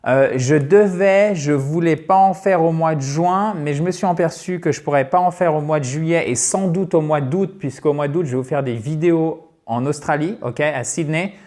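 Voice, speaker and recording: Middle-aged male English teacher, higher register, conversational to-camera promo, addresses viewers as friends. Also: moderate pace, hardly any pauses, a little mellow. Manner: chatty, keeps checking in with "ok?". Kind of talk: direct-to-viewer course promotion.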